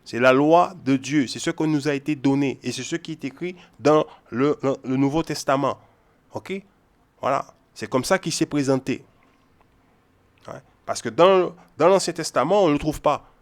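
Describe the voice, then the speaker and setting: At medium pitch and moderate pace, a man teaches from the Bible in an informal way. He repeats himself for emphasis and keeps turning to his listeners with "ok?" and "hein?"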